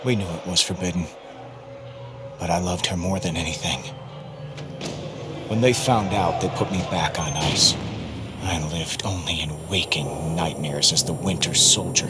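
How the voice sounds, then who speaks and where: An actor playing a brooding, guilt-ridden soldier turned hero in a video game, weary but loyal, with a grave, understated delivery. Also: male voice, sits low, heavy background noise. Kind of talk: cinematic video game acting and narration.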